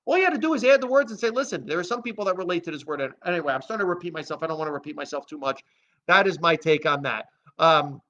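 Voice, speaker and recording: Raised in the United States by Italian immigrants and growing up speaking Italian, this American man hosts a commentary vlog, offering off-the-cuff news takes that are opinionated, emphatic and conversational. His voice is on the high side and fairly bright, heard through dull lo-fi audio.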